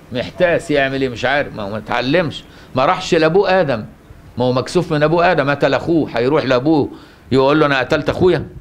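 A man with an Egyptian Arabic accent giving a religious lesson on the Quran, often asking rhetorical questions and answering them himself. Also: fairly high pitch. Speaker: Quran teacher.

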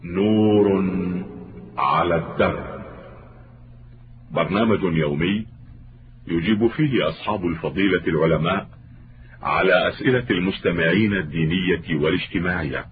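Low-pitched man announcing in formal Standard Arabic. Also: moderate pace, pauses often. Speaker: radio programme announcer. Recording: tinny old radio broadcast, faint noise.

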